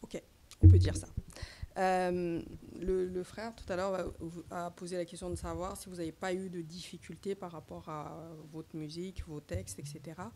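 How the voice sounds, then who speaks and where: A Congolese woman journalist politely poses a question at a press conference, speaking into a standing microphone with frequent pauses and hesitant fillers. Her lowish, warm voice has little pitch movement, and there's slight background noise.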